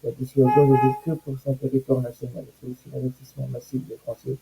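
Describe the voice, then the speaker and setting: A man's voice: medium pitch, flat delivery, fast, creaky, very noisy. A man giving casual, sarcastic commentary on news items and comments, with mocking asides.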